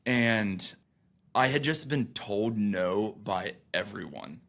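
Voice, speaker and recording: A man's voice: fairly low pitch, expressive, slow, vocal fry, a bit bright. A young man, a founder being interviewed, talking in a loose and rambling way with many fillers and restarts. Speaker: founder, guest. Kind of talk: casual podcast interview.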